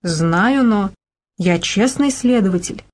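A woman reading an audiobook, voicing a jealous, sulky young male investigator in slow, flat replies. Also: mid-range voice.

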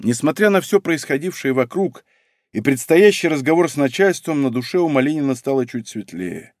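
A man narrates a novel with lively pitch and expressive delivery. The recording is dry, close and clean. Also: a little fast, dry recording. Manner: expressive storytelling. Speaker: audiobook narrator. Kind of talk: scripted narration.

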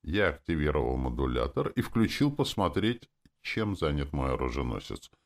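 A man narrating a fantasy audiobook in an expressive, animated reading style. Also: a bass voice, moderate pace.

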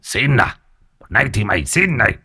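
A man voicing a brutal, hot-tempered torturer who snarls and shouts his threats. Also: on the low side, big pitch swings, moderate pace, creaky, slightly rough, heavily acted. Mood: savage.

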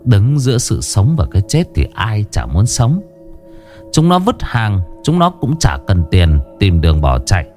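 A man's voice: lowish voice, unhurried, soft background music. A man narrating a crime story in a dramatic, scripted way. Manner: expressive, dramatic.

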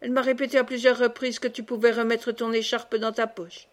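A woman's voice: on the high side, flat delivery, brisk, close to an everyday voice. A woman reading a drawling young wife. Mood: flat.

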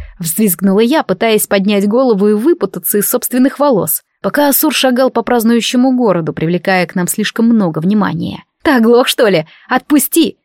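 A woman narrating a fantasy romance novel in the first person, with an expressive reading. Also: mid-range voice, dry recording, clean studio sound. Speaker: audiobook narrator.

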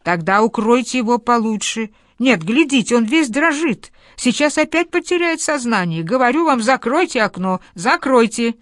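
A woman voicing a fussing, anxious old grandmother with a shrill pleading voice, in a dry recording. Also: lively intonation, normal speed, few pauses, no echo, close to an everyday voice. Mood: alarmed.

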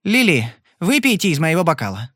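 A cocky young gambler with a smooth, mocking tongue, as a male narrator plays him. His voice sits a touch high for a man and sounds dry and close. He stays cool and sarcastic under threat in this storybook Western. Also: sing-song, brisk, fairly bright tone, dry recording.

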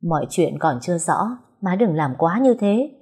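A woman's voice: fairly low pitch, expressive, normal speed, dark tone, breathy edge. A woman voicing a commanding young master, the son of a rich house.

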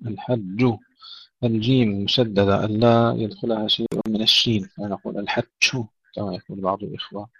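A man teaching Quran recitation rules. He chants verses slowly and melodically, then explains each pronunciation point briskly. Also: fairly low pitch, dry recording. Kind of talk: tajweed lesson with recitation. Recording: dry, dull lo-fi recording.

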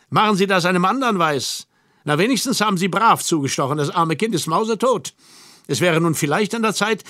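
A man's voice: on the high side, a bit bright, no room sound, clean studio sound. A man reading an audiobook and voicing Mozart as an all-knowing, mocking spirit who lectures in an ironic, scornful tone.

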